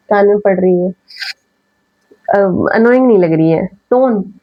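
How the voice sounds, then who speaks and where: A woman with a somewhat high voice teaches speaking skills in a quick, chatty way. She keeps mixing English phrases into her explanations and pushes hard on the key words. The recording sounds a little dull and lo-fi. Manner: naturally fast talker. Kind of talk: casual Hindi-English teaching talk.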